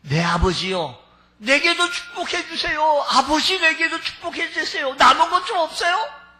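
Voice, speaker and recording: A man's voice: very high-pitched, very animated, normal speed, sharp tone, soft background music, voice pushed up, exaggerated voice. A man acting out a young man who begs his father for a blessing in a sermon. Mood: pleading. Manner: pleading, rising cries. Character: wronged elder son, desperate and pleading.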